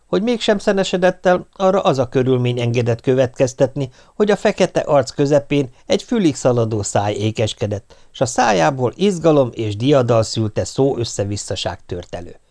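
A man narrates a humorous first-person story with a wry, dry delivery. His voice has a gravelly edge. His pitch moves in a lively way as he reads. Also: hardly any pauses. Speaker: audiobook reader.

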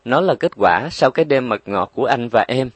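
A man's voice: mid-range voice, animated, fairly quick, no echo, natural voice. A man voicing a frail young mother who is desperate and pleading, in a weak, raised voice. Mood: tearful.

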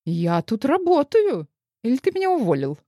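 A woman's voice: high-pitched, huge pitch swings, normal speed, warm tone, no room sound, voice pushed up, heavily acted. A woman reading an audiobook voices a firm mother with a dry, sarcastic edge. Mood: flustered. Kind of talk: audiobook character voice.

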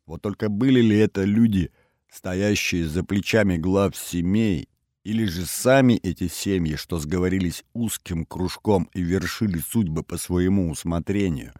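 A man's voice: deep voice, normal speed, a little mellow, no echo, studio quality. A man narrating a first-person audiobook in a wry, ironic storytelling manner.

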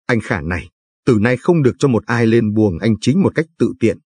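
A man's voice: mid-range voice, expressive, moderate pace, a little mellow, slightly rough, no echo, studio quality. A man voicing a stern, cautious male revolutionary leader who speaks firmly and admonishes. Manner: firm, admonishing.

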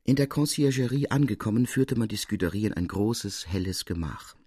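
A man reading a classic literary tale aloud in a measured, expressive storytelling voice. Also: fairly low pitch, husky, no echo, studio quality. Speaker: reader.

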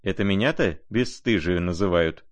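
A man's voice: sits low, moderate pace, no echo, natural voice. A man voicing a scornful society woman who teases with disdainful merriment. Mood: mocking. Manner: teasing, disdainfully merry.

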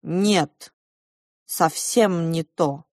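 A woman voicing a brooding, thoughtful grown man who speaks in slow, measured phrases. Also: fairly low pitch, a little mellow, no room sound, clean studio sound. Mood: grave.

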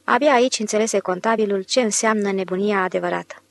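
Woman, audiobook narrator, measured, expressive reading. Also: mid-range voice, creaky. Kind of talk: scripted narration.

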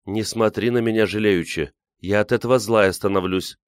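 A man reading an audiobook, voicing a sharp-tongued, bitter young woman who mocks her friends. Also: on the low side, moderate pace, clear, resonant tone, no room sound, clean studio sound, pitched above the performer's own voice, natural voice. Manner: mocking, biting.

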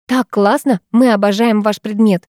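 A woman's voice: medium pitch, steady tone, normal speed, mellow, no room sound, studio quality, lightly acted. A woman voicing a bubbly, naive teenage schoolgirl who talks in a ringing, sing-song way, in an audiobook reading. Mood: chirpy.

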